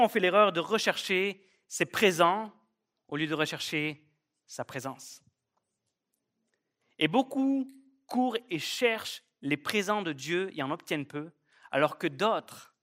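A man's voice: a little high, pushed and bright. A man preaching a sermon at a church service, emphatic and fond of repeating key phrases. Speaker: pastor.

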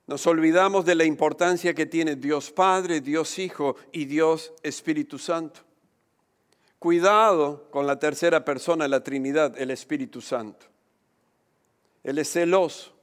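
A man preaching a sermon as pastor, emphatic, slowing down to stress key phrases. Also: on the high side, smooth. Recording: long hall reverb.

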